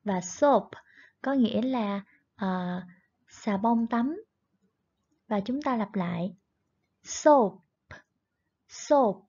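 A woman's voice: mid-range voice, lively intonation, slow pace, long pauses, darkish tone, slightly rough. A woman teaching a primary English class online, patiently explaining words and repeating each one twice. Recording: dull lo-fi recording.

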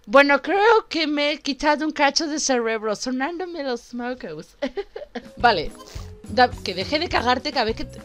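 A woman's voice: sits high, sing-song, a little slow, no echo, faint music behind. Woman streamer, swearing and joking. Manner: swearing, jokey, exclaims loudly in fright. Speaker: gaming streamer. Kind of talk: casual horror game commentary.

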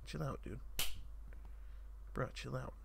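A man's voice: mid-range voice, takes it slowly, creaky. A young man giving casual, profane and irreverent commentary while playing a game. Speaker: gamer commentating on gameplay. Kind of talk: casual let's-play commentary. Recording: noisy home recording with mouse clicks.

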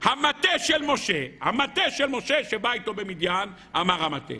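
Rabbi giving a Torah lesson, man with a high, sharp voice, lively and questioning. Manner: animated, rhetorical questioning.

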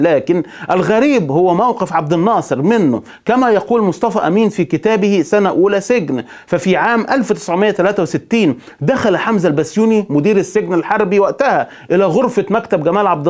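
A man's voice: sits high, a little mellow. A man with an Egyptian accent narrating a history documentary. He throws in indignant rhetorical asides to the listener.

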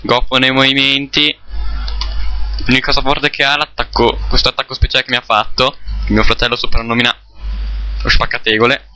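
A man's voice: mid-range voice, level tone, bright, forceful tone. A man giving casual, rambling gameplay commentary, often correcting himself, recorded on a cheap computer microphone. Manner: rambling, self-correcting, halting. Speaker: gamer recording a let's play. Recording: cheap mic, faint noise, clicks.

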